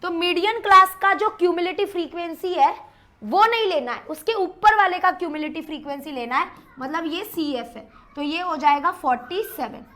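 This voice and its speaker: Female math tutor, bright high voice, quick classroom delivery, drops in English terms. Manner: brisk, counts aloud and quizzes the class; mixes English terms into her talk. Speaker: math teacher. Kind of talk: whiteboard math lesson.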